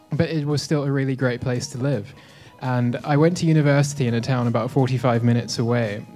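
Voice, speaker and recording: A young man from South Africa stands with a handheld microphone and tells his story to a live audience. His pitch sits in the middle for a man. He keeps it relaxed and self-deprecating and often stops to say "um". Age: 20s. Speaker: speaker at a live talk event. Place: dim lecture hall with a projector screen.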